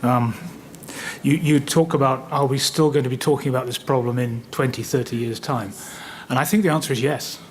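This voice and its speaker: Male executive panelist, measured and explanatory, dry humor. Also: medium pitch, steady tone, slight background noise. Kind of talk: panel discussion answer.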